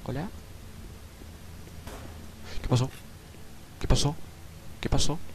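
A man's voice: medium pitch, slow pace, slight background noise. A man commenting on a horror game at night, jumpy and swearing, yelping at scares. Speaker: let's play commentator. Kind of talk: gameplay commentary. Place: room at night.

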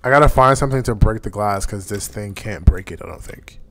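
A man's voice: on the low side, fairly quick, fairly bright tone, a little hiss or hum. A man hosting a live gameplay stream, chatting casually and rambling to his viewers while he plays. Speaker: streamer host.

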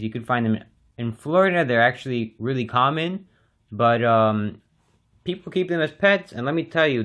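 Young guy vlogging his pets, laid back, lots of um and uh, just talking to the camera. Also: mid-range voice. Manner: relaxed, chatty, many fillers. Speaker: pet keeper and channel host. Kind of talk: casual vlog narration.

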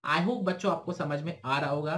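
Brisk high-voiced Indian teacher. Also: male voice, fairly bright tone. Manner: brisk explaining, slow careful reading of English questions; asks himself questions and answers them. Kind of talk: exam-prep lesson talk.

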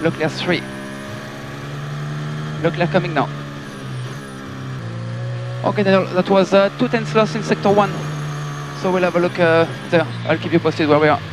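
A race engineer with a high-pitched voice gives terse, clipped, matter-of-fact instructions to a racing driver over team radio. He speaks at a moderate pace, pausing often, against a noisy background.

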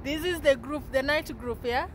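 A woman with an East African accent and a fairly high voice chats casually into her phone. She is recorded outdoors in a car park with clear background noise. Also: normal speed. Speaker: vlogging nurse. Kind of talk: casual chat while filming. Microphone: phone held at arm's length.

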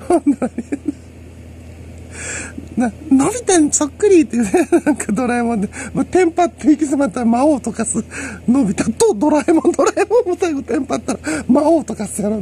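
A solo commentator with a Kansai Japanese accent rambles through a monologue, lecturing and chuckling to himself. His voice is extremely high and sing-song, fast, gravelly and warm, with slight background noise.

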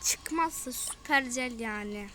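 A woman's voice: on the high side, takes it slowly, heavy background noise. A young woman giving casual gameplay commentary, often exasperated and complaining to her viewers. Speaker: gaming channel host. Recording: loud game music behind the voice.

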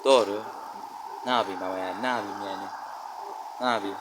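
A man with a fairly low voice gives loose, slangy commentary while playing a football video game. He grumbles and exclaims at the match as it goes. Clear background noise sits behind him. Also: steady tone, fairly quick. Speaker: gaming channel host. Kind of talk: casual gameplay commentary. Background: children shouting outside.

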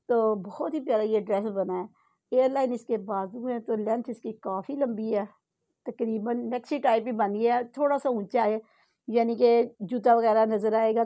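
A middle-aged Pakistani woman with a Punjabi-tinged Urdu accent talks to her phone camera from her bedroom at home, chatty, homely, and full of asides. Her fairly high voice is warm, with no room sound.

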